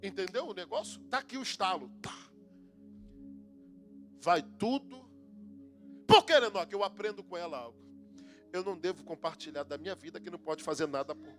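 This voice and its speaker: A Brazilian pastor with a high, bright voice preaches a Pentecostal sermon. He swings from quiet retelling to fervent, shouted passages, and soft music plays behind him. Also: fast talker. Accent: Brazilian Portuguese. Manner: builds from low storytelling to shouted preaching. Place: church sanctuary.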